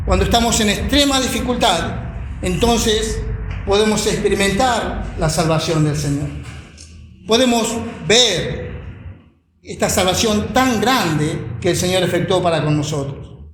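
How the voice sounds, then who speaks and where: A man with a high voice delivers a sermon at an unhurried pace. He reads scripture deliberately and repeats words for emphasis. The echoey room adds reverb to every line. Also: fairly bright tone, a little hiss or hum. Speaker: preacher. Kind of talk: sermon with Bible reading.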